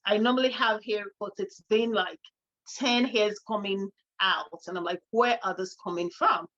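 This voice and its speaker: A middle-aged woman co-hosting a casual chat, telling a story in a lively way and laughing often. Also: mid-range voice, moderate pace, dull audio. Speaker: co-host.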